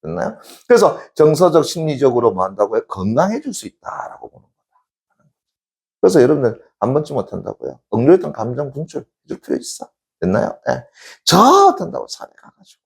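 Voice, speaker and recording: Animated call-and-response male teacher. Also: medium pitch, fairly quick, creaky. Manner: call-and-response, keeps asking "됐니?" and answering himself; emphatic, shouts out examples. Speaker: exam prep Korean teacher. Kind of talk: classroom lecture.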